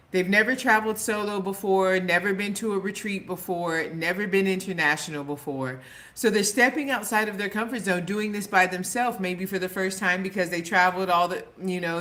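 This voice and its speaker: Earnest motivational woman coach, lowish voice. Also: a bit bright. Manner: earnest, motivational, emphatic repetition. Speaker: women's empowerment coach. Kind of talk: direct-to-camera vlog talk.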